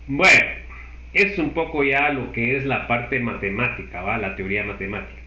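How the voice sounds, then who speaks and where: This university chemistry lecture comes from a man from Guatemala speaking in a mid-range voice at a moderate pace. He walks through each step and keeps making sure the class is with him, with the audio both muffled and echoey.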